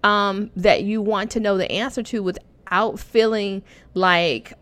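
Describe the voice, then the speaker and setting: A woman's voice: medium pitch, steady tone, slow, a bit bright. A woman speaking casually as a podcast guest, thinking aloud in an informal, conversational way. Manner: informal, thinks aloud with repeated "you know" and "like". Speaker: podcast guest, photography educator and conference founder.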